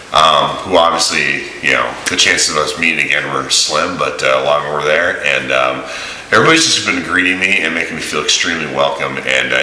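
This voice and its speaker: A man giving a casual, rambling video diary in a halting, informal way, recorded in a big echoey room. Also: sits low, bright, forceful tone. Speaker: vlogger and volunteer preacher on a mission trip. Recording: echoey room, big echo, audible hiss.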